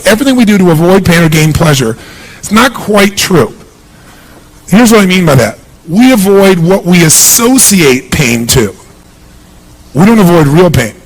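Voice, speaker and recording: Energetic male motivational speaker, higher voice. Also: rough recording. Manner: punchy, energetic, asks the crowd questions. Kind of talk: live seminar speech to a large audience. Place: large hall with an audience.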